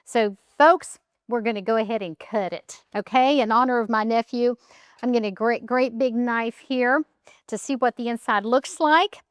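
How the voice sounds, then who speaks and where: A woman's voice: on the high side, normal speed, smooth, no echo, studio quality. A woman hosting a home cooking demonstration, chatting and thinking aloud as she decorates a cake in her kitchen. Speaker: cooking show host.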